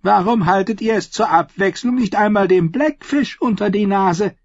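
A man's voice: sits high, normal speed, no echo, pitched above the performer's own voice. A man voicing a sneering, scheming young nobleman with a snide, hissing edge. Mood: mocking. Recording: dull lo-fi recording.

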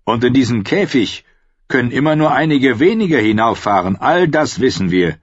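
A man voicing a shrewd, confident wildling king who speaks in a measured, mocking way. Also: medium pitch, animated, husky, no room sound, pitched above the performer's own voice. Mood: commanding. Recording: slightly dull, dry recording.

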